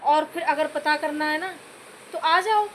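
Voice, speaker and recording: High-voiced scolding woman vlogger. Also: unhurried, slight background noise. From Uttar Pradesh, India. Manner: scolding, repeatedly addressing listeners as "bhai"; earnest, pleading for comments. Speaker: YouTube vlogger. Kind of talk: direct-to-camera commentary rant.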